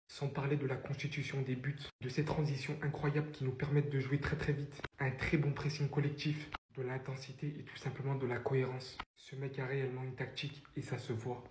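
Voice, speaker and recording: Even-toned man narrating football in echoey room. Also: mid-range voice, a little fast, hardly any pauses. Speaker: football commentator. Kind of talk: scripted football analysis narration. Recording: echoey room, faint noise.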